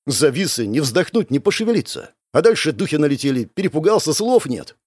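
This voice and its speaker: A man's voice: a little high, sing-song, fairly quick, darkish tone, breathy edge, dry recording, studio quality. A man voicing a shy, shaken young male student in an audiobook, hesitant and bashful. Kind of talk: audiobook character voice.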